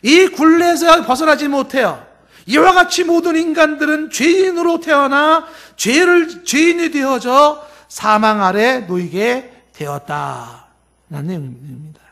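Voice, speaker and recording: A man preaching a sermon in a very high, lively voice. He rises to emphatic, near-shouted exhortation and acts out quoted people in little scenes of dialogue. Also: measured pace. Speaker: pastor.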